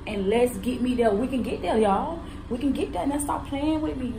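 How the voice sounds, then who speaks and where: A woman's voice: sits high, normal speed, creaky, roomy sound, background noise. A woman in her thirties talking casually to her phone camera in a car and a hotel bathroom, blunt and profane, repeating herself as she chats. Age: 30s. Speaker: vlogger. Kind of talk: casual vlog talk to camera. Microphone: phone held close at arm's length.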